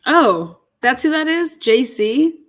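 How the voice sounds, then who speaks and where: Female co-host, casual stream chat, animated delivery, laughs a lot, salty language. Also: sits high, slow. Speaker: livestream co-host. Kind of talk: casual livestream chat reading viewer comments.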